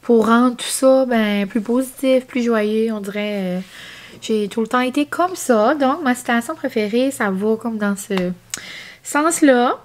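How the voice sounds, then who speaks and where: A woman's voice: on the high side, a little slow. A young woman with an Acadian French accent, chatting casually in a vlog and rambling with lots of fillers. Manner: chatty, rambling, many fillers and "genre, comme". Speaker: vlogger.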